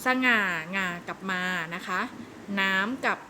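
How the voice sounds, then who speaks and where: A woman's voice: mid-range voice, slow, background noise. A woman teaching a recorded lesson to young primary pupils, explaining patiently and step by step. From Thailand. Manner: patient, explains step by step with frequent polite particles.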